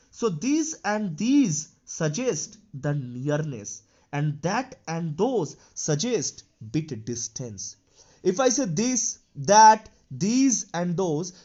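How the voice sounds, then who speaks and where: Man as a grammar teacher, very animated pitch, dull lo-fi recording, poses questions and answers them himself. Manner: explains step by step, asks and answers his own questions, says "you know" often. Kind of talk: classroom grammar lesson.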